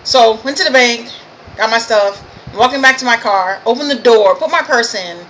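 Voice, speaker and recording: A woman's voice: fairly high pitch, normal speed, fairly bright tone, a little hiss or hum, low-quality recording. Tired woman telling a funny story. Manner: chatty, laughs at herself. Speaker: vlogger. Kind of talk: casual storytelling vlog.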